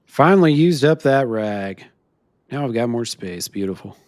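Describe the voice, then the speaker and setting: A male streamer talks through a live role-play survival session, his voice leaping up and down with animated energy. He laughs easily and keeps up a chatty running commentary, recorded close and dry with no room sound. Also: normal speed, no echo. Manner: chatty, laughs often, lively swings in pitch.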